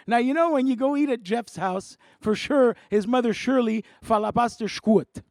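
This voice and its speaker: Stand-up, 40s, high, lively, gravelly edge. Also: male voice, measured pace, no room sound, studio quality. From Montreal, Canada. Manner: animated, jumps between voices and languages. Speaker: stand-up comedian. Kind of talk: stand-up comedy. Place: theatre studio.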